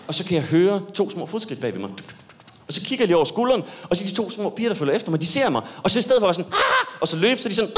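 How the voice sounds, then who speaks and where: A young man doing a stand-up comedy set on stage, telling a story with animated delivery and sudden high yelps.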